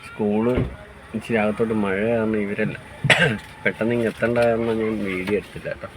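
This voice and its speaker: Very low-voiced chatty woman vlogging. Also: steady tone, a little fast. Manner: chatty, addresses viewers as guys, teasing questions to her child. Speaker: family vlogger and mother. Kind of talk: casual vlog narration to viewers. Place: outdoors at a busy school on a rainy day. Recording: noisy phone audio with a crowd. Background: crowd of parents and children, background noise.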